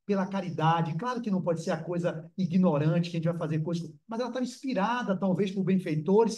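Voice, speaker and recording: Theatrical high-voiced male lecturer. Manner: animated, theatrical, acting out voices. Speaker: spiritist lecturer. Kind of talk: lecture with dramatized personal story. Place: spiritist center meeting hall.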